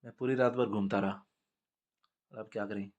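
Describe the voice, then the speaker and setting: A man's voice: on the low side, fairly even intonation, normal speed, darkish tone. Blunt, profane male storyteller. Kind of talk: crude comedic monologue.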